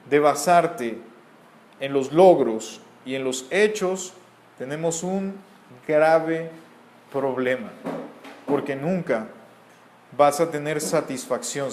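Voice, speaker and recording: Slow earnest Mexican man teaching. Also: on the high side, darkish tone, reverberant. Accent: Mexican Spanish. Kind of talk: recorded Bible teaching.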